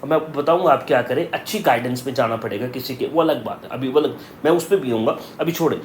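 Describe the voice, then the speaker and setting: A man's voice: mid-range voice, quick pace, slight background noise. A male coaching teacher giving students blunt, direct exam advice, repeating his key points. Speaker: coaching teacher for competitive exams. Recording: roomy echo.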